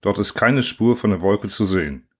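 A man voicing a grim male starship captain who answers tersely and flatly. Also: lowish voice, normal speed.

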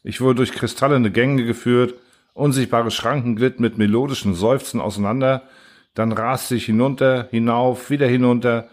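A man narrating an audiobook in the first person, with a middle-pitched voice. His reading is steady and measured, and he carries long sentences calmly. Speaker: audiobook reader.

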